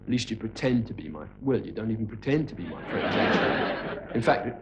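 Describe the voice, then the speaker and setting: A man's voice: lowish voice, lively intonation, brisk, lo-fi sound, background noise. An actor playing a gloomy, self-pitying young male hippie student, droning and apologetic, heard from a worn VHS tape copy of a TV sitcom. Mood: mopey. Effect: worn VHS tape copy of a TV broadcast. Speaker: sitcom character. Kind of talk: 1980s TV sitcom acting.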